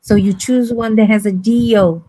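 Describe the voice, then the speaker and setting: A woman's voice: medium pitch, moderate pace, low-quality recording. Blunt, chatty woman host. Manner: blunt, animated storytelling with quoted voices. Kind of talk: casual chat.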